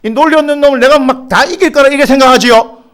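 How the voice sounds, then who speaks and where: A man's voice: extremely high pitch, quick pace, fairly bright tone. A middle-aged Korean pastor with a Gyeongsang accent preaching a sermon, teasing his congregation by name and bursting into mock exasperation.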